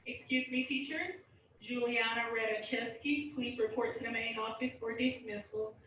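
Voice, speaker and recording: A woman's voice comes over the school intercom, a little high and polite, repeating a measured announcement. It sounds dull and muffled through the speaker and rings heavily around the classroom. A steady background hiss sits under it. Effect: school intercom loudspeaker. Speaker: school office staff making an announcement. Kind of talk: formal public-address announcement. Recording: dull, very echoey loudspeaker heard from across a classroom, with background noise.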